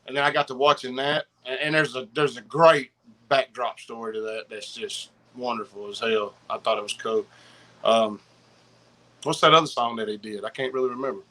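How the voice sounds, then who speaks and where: Excitable Southern man with a bright, forceful voice. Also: medium pitch, normal speed, poor audio. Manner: excitable, slangy, repeats himself. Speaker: podcast guest. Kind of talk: casual chat, rambling anecdotes.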